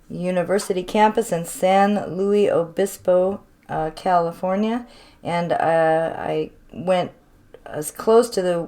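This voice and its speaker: Slow-paced woman leading a spirit session. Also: on the low side. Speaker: spirit box session host, self-described medium. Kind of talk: casual narrated demonstration and addressing spirits.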